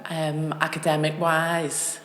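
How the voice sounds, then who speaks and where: A middle-aged woman, a mother of four chatting as a guest, measured and proper with frequent laughter. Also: deep voice, monotone, a bit bright. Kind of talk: casual chat. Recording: echoey room with long reverb.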